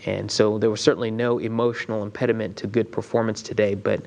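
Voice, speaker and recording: Gravelly, even-toned American man. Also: lowish voice. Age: middle-aged. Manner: halting, deliberate, formal. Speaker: space mission team leader at press conference. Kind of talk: press briefing remarks. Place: indoor briefing room. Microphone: lapel mic.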